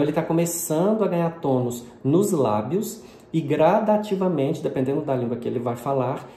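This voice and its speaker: Man, from brazil, teacher explaining patiently, dark warm tone, echoey room. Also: fairly high pitch. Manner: patient, explanatory, uses many diminutives. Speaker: linguistics teacher. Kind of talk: explanatory video lesson. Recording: echoey room with faint noise.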